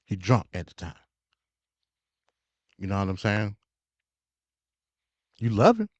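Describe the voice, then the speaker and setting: This man's lowish, darkish voice moves slowly yet swings widely in pitch, recorded with no room sound. As an American live-stream host, he gives casual, opinionated takes on politics, slangy and emphatic, repeating and stuttering conversationally. The recording is dull and lo-fi.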